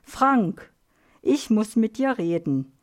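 A woman's voice: fairly high pitch, sing-song, slow pace. A woman voicing a serious, kindly female guardian spirit who speaks earnestly in a storybook.

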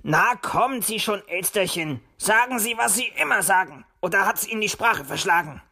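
A woman's voice: a little high, lively intonation, moderate pace, a little mellow, slightly rough, voice pushed up. A woman voicing a clever, cheerful male fox in a storybook reading, with a teasing manner.

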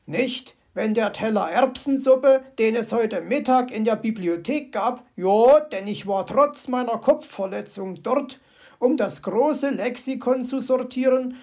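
Brief: a woman playing a grouchy fox gentleman, dry sarcasm, gravelly grumbles. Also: a little high, a little slow. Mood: grumbling. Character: grumpy, sardonic old male fox.

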